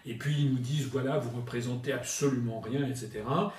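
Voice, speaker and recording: A man's voice: medium pitch, steady tone, brisk, a crowd in the background. A man answering as a political spokesman, hesitant with many fillers and restarts. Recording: echoey room from far off.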